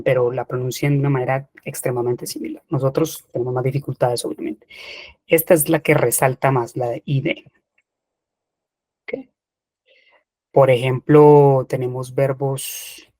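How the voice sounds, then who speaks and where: A man explains English past-tense rules to an online class at an unhurried, deliberate pace. He is methodical and patient, checking in often, and his voice sounds close and dry with no room echo. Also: medium pitch, a little mellow. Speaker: English teacher. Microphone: computer mic in online seminar.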